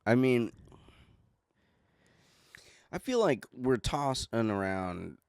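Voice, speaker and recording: A man's voice: medium pitch, sing-song, takes it slowly, gravelly, darkish tone, smooth, no echo, clean studio sound. A man co-hosting a casual podcast, with jokey, teasing asides. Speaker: podcast co-host.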